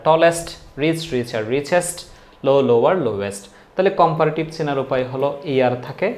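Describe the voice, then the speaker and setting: A male teacher giving a casual grammar lesson, repeating key points and quizzing his students. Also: mid-range voice. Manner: repetitive, drilling students with questions. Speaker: English teacher.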